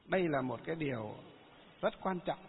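A man's voice: a little high, lively intonation, a little fast, a little hiss or hum. A man giving a Buddhist sermon as a monk. He often asks his listeners rhetorical questions and then answers them himself. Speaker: Buddhist monk teaching lay followers. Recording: echoey hall over a tinny phone-like line.

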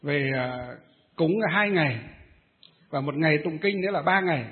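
A male Buddhist monk tells a story in a dharma talk, halting often on small fillers. His voice sits high. The sound is narrow and tinny, like a phone call. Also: animated. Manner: storytelling with many hesitant fillers.

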